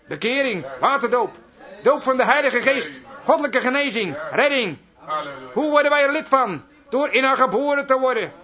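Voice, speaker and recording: A man preaching a revival sermon with fervent rhetorical questions and repetition, ending in an altar call. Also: very high-pitched. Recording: dull lo-fi sermon recording.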